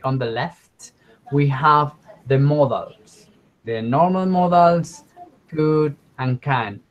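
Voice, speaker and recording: A man's voice: mid-range voice, lo-fi sound. A man leads an online English lesson. He explains things informally, step by step, and keeps adding small checks for understanding. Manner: frequent check words like okay; switches between English and Spanish. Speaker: English teacher. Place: online class with screen share.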